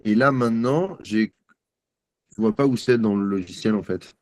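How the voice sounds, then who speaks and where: A man's voice: on the low side, normal speed, no room sound. A man on a live video call, hesitant and self-deprecating as he struggles to share his screen. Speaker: guest journalist.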